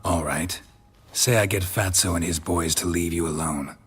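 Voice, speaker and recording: Deep-voiced, terse, gruff hired hunter. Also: male voice, moderate pace. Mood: matter-of-fact. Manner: terse, deadpan. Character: gruff, laconic male monster hunter for hire. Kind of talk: video game dialogue.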